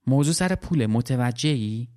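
A man voicing a cold, troubled young woman speaking on the phone in a storybook reading, in a flat, chilly tone. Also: medium pitch, lightly acted.

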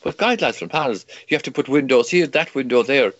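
Speaking fast in a medium-pitched voice with lively intonation, an older campaigner from Kerry argues his case as an interview guest. He's a native Irish speaker talking English with an Irish accent, and his impassioned points come with stammered restarts and rhetorical questions. The audio sounds dull.

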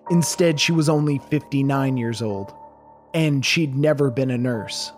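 A man narrating a true crime story in a measured, dramatic scripted style. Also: medium pitch, darkish tone, faint music behind.

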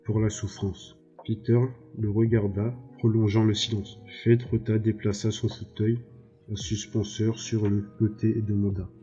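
A man reads a novel in calm, even narration. His voice is dark and low with little rise and fall. The audio is a bit dull, with faint music underneath. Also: moderate pace. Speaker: audiobook reader. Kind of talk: scripted narration.

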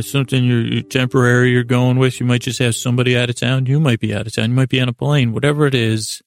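A sleep podcast host with a creaky, gravelly, mid-range voice rambles through a bedtime monologue meant to lull listeners to sleep. He's hesitant and self-deprecating, with trailing asides. The studio-quality recording has no echo.

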